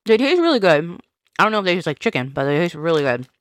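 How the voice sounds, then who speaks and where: A woman's voice: fairly low pitch, big pitch swings, fast talker. A woman co-hosting a podcast in casual chat, giggly and chatty, saying "like" often. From California. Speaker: podcast co-host.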